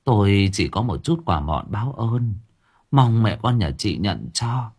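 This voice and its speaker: A man's voice: on the low side, big pitch swings, a little slow, darkish tone, slightly rough, full character voice. A man playing a commanding chieftain's wife. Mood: gracious. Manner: brusque orders to servants, gracious to guests. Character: wealthy chieftain's wife, commanding yet grateful.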